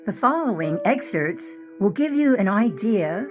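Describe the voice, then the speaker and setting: A woman author reading excerpts from her own novel in a vivid, expressive storytelling manner. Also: mid-range voice, measured pace, music in the background. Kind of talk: dramatic audiobook-style reading.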